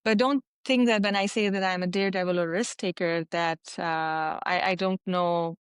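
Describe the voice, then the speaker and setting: Guest: woman, chatty and animated, smooth clear voice, dry close sound. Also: on the low side, moderate pace, dry recording. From Pakistan. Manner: chatty, animated, many "you know" fillers. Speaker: interview guest, physician and mountaineer. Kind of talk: casual interview storytelling.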